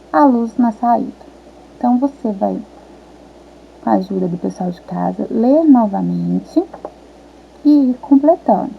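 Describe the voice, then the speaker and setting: Woman teacher, fairly high voice, patient, sounds out syllables, tinny phone-line audio. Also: vocal fry, slight background noise. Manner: patient, sounds out syllables slowly and repeats words. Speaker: primary school teacher. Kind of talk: remote lesson walking young children through a worksheet.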